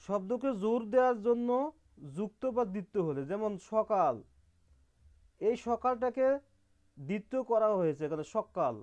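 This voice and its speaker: A man's voice: high-pitched, normal speed, long pauses, darkish tone, lo-fi sound. A man teaching grammar over slides, explaining step by step and repeating key terms, asking questions and answering them himself. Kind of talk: online slide lesson.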